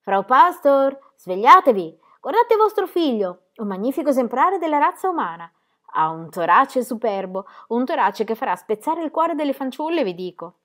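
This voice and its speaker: A woman voicing a bossy, imperious middle-aged German midwife who talks loudly and insistently. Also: extremely high pitch, huge pitch swings, slow, voice pushed up, full character voice.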